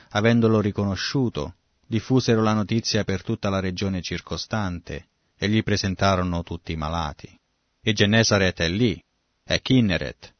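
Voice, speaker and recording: A man's voice: low-pitched, no echo, dull audio. A man preaching a sermon, reading scripture and explaining it, now and then acting out the quoted lines. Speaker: pastor. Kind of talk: sermon, Bible exposition.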